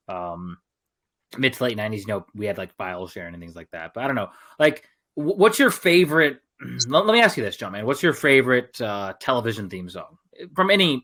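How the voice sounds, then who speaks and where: A man co-hosting a podcast, chatting casually in a rambling way full of fillers. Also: fairly low pitch. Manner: animated, rambling with many fillers. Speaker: podcast co-host. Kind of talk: casual chat.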